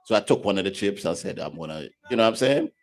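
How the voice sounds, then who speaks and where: A man telling a personal story on a talk show, laughing often and swinging between loud bursts and low mutters. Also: lively intonation, fast talker. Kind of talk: animated storytelling.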